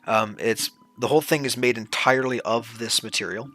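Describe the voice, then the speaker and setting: A man acting as game master, narrating and explaining rules in a casual, sweary way with halting descriptions. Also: medium pitch, bright, forceful tone.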